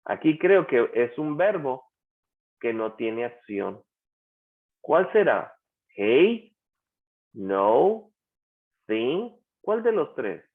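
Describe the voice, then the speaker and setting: A man's voice: mid-range voice, sing-song, extremely slow, pauses often. A male teacher taking an online class through grammar examples, patiently asking questions and repeating the answers. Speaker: English teacher. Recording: tinny phone-like call audio.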